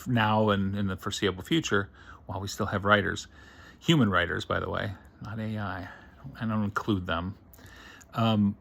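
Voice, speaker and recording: A science fiction writer thinking aloud in a casual, digressive monologue. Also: male voice, fairly low pitch, vocal fry, a bit bright.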